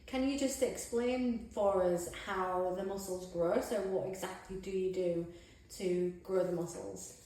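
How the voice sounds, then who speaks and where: A woman's voice: on the low side, unhurried, dark tone. A woman asking questions in a conversational interview. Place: indoors in an office. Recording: echoey room.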